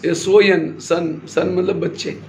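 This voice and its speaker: A man's voice: sits high, level tone, takes it slowly. A man giving a spiritual class in sermon style, asking his audience questions and answering them himself. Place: hall with a live audience. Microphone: handheld or stand mic. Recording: echoey hall with faint noise.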